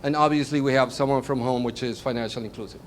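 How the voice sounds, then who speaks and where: A man introducing a panel at a live event, speaking in a halting way with frequent restarts and fillers. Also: mid-range voice, fairly even intonation, slight background noise. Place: meetup event venue.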